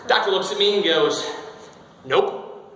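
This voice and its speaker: A man's voice: high voice, animated, normal speed, fairly bright tone. Joking young man in an echoey hall. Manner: joking, self-deprecating storyteller. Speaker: speaker giving a speech. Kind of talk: humorous personal speech. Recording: very echoey hall, faint noise.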